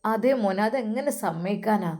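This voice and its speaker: A woman's voice: animated, normal speed, darkish tone, lightly acted. A woman voicing a loving, fretful elderly mother in a story. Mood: coaxing. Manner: coaxing, pleading, high and sing-song. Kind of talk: storytelling with acted dialogue.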